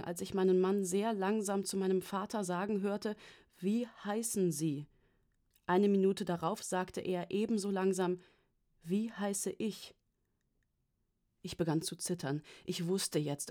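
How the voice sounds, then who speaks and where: A woman narrating a first-person story as an audiobook, in an even, measured way. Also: lowish voice.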